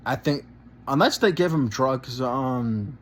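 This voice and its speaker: On a gaming channel, a man gives loose reaction commentary, rambling, repeating himself, swearing and often ending phrases with "man." His medium-pitched voice is expressive and slow, with a little hiss or hum in the recording.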